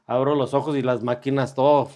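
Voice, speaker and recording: A man, sharing a personal testimony in earnest, unhurried conversational storytelling. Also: medium pitch, flat delivery, a little mellow. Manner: earnest, unhurried, with pauses and reenacted dialogue.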